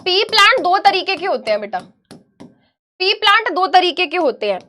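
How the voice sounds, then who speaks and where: A woman's voice: very high voice, very animated, normal speed, bright, forceful tone. A woman teaching a live online biology class, chatty and playfully scolding, dropping English words into her speech.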